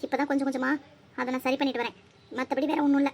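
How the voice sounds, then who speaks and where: A woman's voice: high-pitched, little pitch movement, racing, a little mellow, a little hiss or hum. A woman voicing a troubled young medical student who hesitates and dodges her mother's questions. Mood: evasive. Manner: evasive, hesitant, deflecting. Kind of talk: cartoon voice acting.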